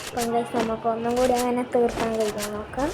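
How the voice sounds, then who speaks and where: A woman's voice: a little high, little pitch movement, fast talker. A woman with a Malayali accent giving casual gameplay commentary as a video host, mixing English gaming words into Malayalam. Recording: noisy game audio with gunfire. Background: video game gunfire and ambience.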